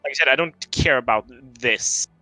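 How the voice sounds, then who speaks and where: A man's voice: mid-range voice, normal speed, pushed and bright, no echo. A man from Norway, chatting casually over a strategy game, hedging and thinking aloud with lots of fillers. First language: Norwegian. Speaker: game streamer. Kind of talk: casual gameplay chat.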